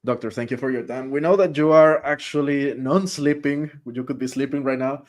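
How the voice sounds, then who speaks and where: A man with a mid-range voice interprets live during an interview over a video call. He is relaxed and friendly, filling gaps with "uh" and "like". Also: mid-range voice, normal speed. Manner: friendly, casual, filler words like "like" and "uh".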